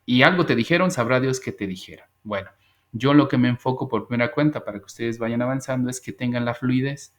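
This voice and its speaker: A man's voice: medium pitch, a bit bright. A man teaching an English class over a video call, patient and repetitive as he drills pronunciation. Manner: patient, drills pronunciation slowly and repeats words. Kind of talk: online class lesson.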